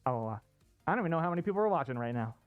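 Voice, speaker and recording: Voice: medium pitch, lively intonation, racing, no echo, soft background music. Muffled, chatty streamer speaking from inside a costume head. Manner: informal, chatty, rambling. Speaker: livestream host. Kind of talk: casual chat. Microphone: off-costume streaming microphone.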